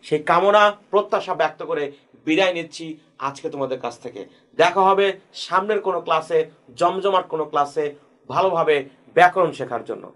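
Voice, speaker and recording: A man with a Bangladeshi Bengali accent teaching a grammar lesson to students, patiently repeating and slowly spelling out each key point. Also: a little high, fairly bright tone.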